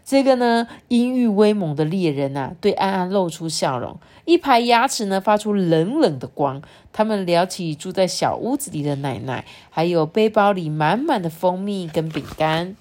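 A woman's voice: normal speed, few pauses. A woman with a Taiwanese Mandarin accent reading a picture book aloud to her child, breaking off to ask questions and explain the story. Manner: expressive, sweeping pitch for drama, often quizzes the child. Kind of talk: storybook reading with chatty commentary.

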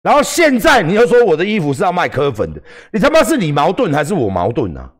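Livestream host, Taiwanese man, middle-aged, heated profane rant, high voice with big swings. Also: wildly swooping pitch, fast talker. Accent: Taiwanese Mandarin. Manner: combative, profane, shouting at critics.

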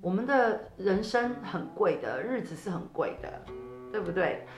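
Woman, casual chat, animated, echoey room. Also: medium pitch, moderate pace. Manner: animated, laughs often, coaxing listeners. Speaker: co-host. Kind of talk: casual chat about zodiac fortunes. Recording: echoey room with faint music.

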